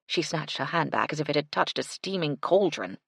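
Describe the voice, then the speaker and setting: Low gravelly woman narrating. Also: animated, fairly quick, fairly bright tone, no echo. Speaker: audiobook narrator. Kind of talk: scripted narration.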